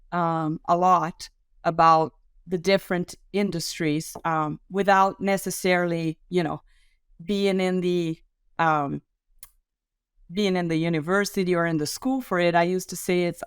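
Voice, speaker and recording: Smooth-voiced Brazilian woman, lowish pitch. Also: dry recording, studio quality. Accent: Brazilian Portuguese. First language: Portuguese. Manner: relaxed, thoughtful, many ums and restarts. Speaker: guest. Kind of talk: podcast interview.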